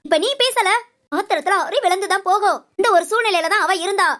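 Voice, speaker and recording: Cartoon drama: woman voicing a forceful scolding aunt, shrill and fast. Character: stern middle-aged aunt and mother-in-law. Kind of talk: animated family drama voice acting.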